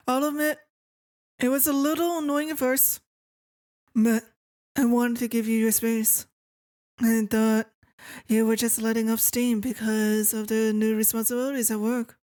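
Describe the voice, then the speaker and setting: A woman playing a possessive, controlling wife in an ASMR role-play, speaking with sweet, eerily obsessive calm and deliberate pauses. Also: fairly high pitch, no echo, studio quality. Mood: controlled, possessive.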